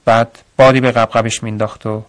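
A man's voice: mid-range voice, level tone. Man narrating a radio story.

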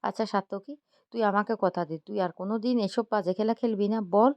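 A woman voicing a worried middle-aged mother who pleads and scolds, repeating herself, in a quick, muffled storybook retelling. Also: mid-range voice, dry recording, natural voice. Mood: anxious, scolding. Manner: pleading, insistent repetitions.

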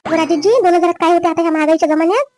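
A woman playing a greedy, scheming young wife in a family drama skit, with a quick, complaining manner. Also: extremely high pitch, a little mellow, no echo. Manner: quick, complaining, rising whine. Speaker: daughter-in-law.

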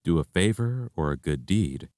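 A young man, a karate instructor, reading his own memoir aloud in a steady, reflective way. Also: sits low, normal speed, no echo, clean studio sound. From Canada. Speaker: martial arts instructor.

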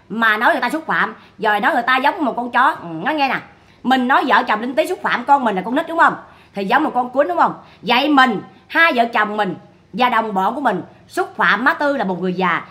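A woman's voice: fairly high pitch, fairly bright tone. A woman giving scornful livestream commentary on online drama, firing repeated rhetorical questions.

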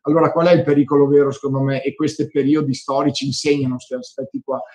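A man's voice: on the high side, darkish tone, poor audio. A middle-aged man with a Venetian Italian accent, an entrepreneur giving his view in a loose, rambling way and often repeating words as he looks for the next phrase. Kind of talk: casual spoken commentary.

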